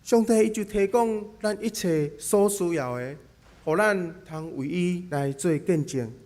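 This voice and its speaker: A male preacher speaks with a Taiwanese Hokkien accent in a notably high voice for a man. He delivers his sermon as an explanation, setting out points and putting questions to his listeners. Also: a little slow, a little mellow.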